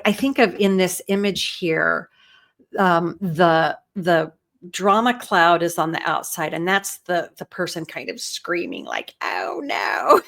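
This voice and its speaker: A woman leadership coach speaks in a fairly low voice, taking her time over each thought. She talks through shared slides in a reflective way, posing questions for the listener to consider. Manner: reflective, poses rhetorical questions.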